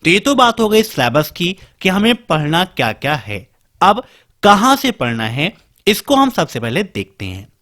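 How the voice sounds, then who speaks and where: Lively high-pitched male tutor. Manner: brisk listing teacher addressing students directly. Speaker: computer exam tutor. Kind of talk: screen-share exam prep lesson.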